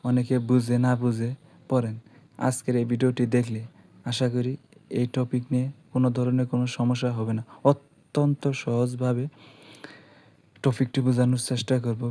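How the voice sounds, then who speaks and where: Man, patient online teacher, stretches out syllables, mid pitch. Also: monotone, mellow. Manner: slow, patient explaining, drawing out syllables as examples. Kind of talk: online lesson.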